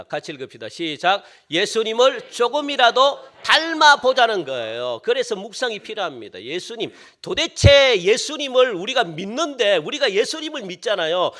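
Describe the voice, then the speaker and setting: In a church sanctuary, a male pastor with a high-pitched voice delivers a sermon full of questions he answers himself. He repeats phrases and lowers his voice to a hush on the key words.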